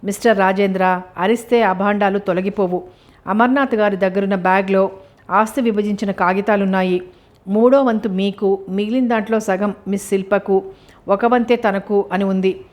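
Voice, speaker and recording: A woman's voice: mid-range voice, fairly even intonation, moderate pace, darkish tone, lightly acted. A woman voicing a stern male police inspector who asks probing questions.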